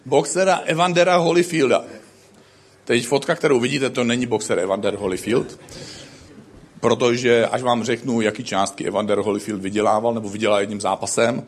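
A man's voice: on the low side, a little hiss or hum. A man preaching a sermon, telling stories with acted-out quotes. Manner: animated storytelling with acted quotes.

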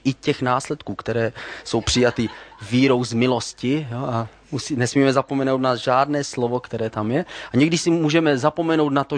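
A man giving a sermon in a relaxed, conversational way, with humor and acted-out example prayers. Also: medium pitch, no room sound. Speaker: preacher.

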